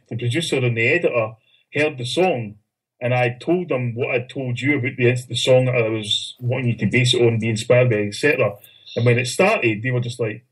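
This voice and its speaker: A man's voice: mid-range voice, breathy edge, low-quality recording. A man chatting casually as a podcast co-host. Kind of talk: casual chat.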